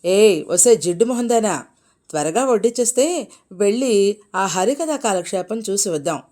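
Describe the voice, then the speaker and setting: A woman voicing an angry, foul-mouthed male village farmer who shouts and scolds his wife in a storybook tale. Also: medium pitch, big pitch swings, moderate pace, close to an everyday voice. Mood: shouting angrily.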